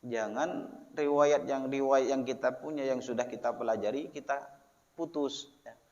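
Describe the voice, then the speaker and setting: A man's voice: medium pitch, normal speed, a little mellow. Javanese-accented man teaching, echoing hall. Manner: reads the text with word-by-word glosses, then explains with frequent "ya". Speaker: religious teacher. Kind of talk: religious study lecture. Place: mosque or prayer hall. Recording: lo-fi with long hall reverb.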